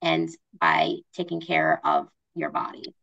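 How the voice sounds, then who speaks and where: A woman's voice: deep voice, flat delivery, measured pace, gravelly, fairly bright tone, dull audio. A woman presenting an online wellbeing workshop, chatty and acting out example voices.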